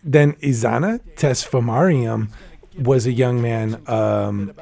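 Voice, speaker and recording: Male organizer narrating, raspy fry, halting and reflective. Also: medium pitch, mellow. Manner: halting, thoughtful.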